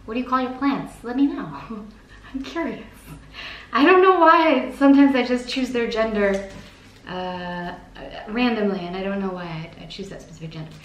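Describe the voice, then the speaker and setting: A chatty, playful woman in her twenties hosts a casual plant how-to vlog, tossing in self-mocking asides as she shares tips. Her voice sits on the high side at a moderate pace, picked up by a camera at a distance while she sits at a table in a living room full of plants, with a roomy echo.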